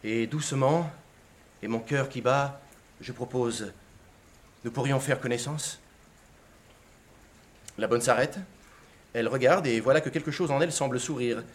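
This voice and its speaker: A man narrating a literary text as a dramatic reading, in an expressive, theatrical way that moves from hushed to excited. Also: medium pitch, a little slow, pauses often.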